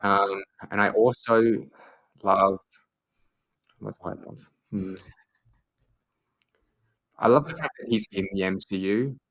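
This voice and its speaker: A man with a very deep voice co-hosts a podcast styled as a jokey awards show. He talks in a loose, playful way and wanders through his thoughts with many fillers. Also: steady tone, slow pace, long pauses, fairly bright tone, rough recording. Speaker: podcast co-host. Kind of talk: casual chat, mock awards show.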